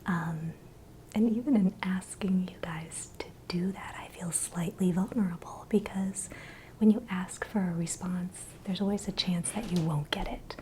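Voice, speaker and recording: A woman giving a gentle, encouraging, unscripted ASMR pep talk in a breathy, unvoiced whisper. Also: on the low side. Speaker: ASMR channel host. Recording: clear background noise, ambient hiss.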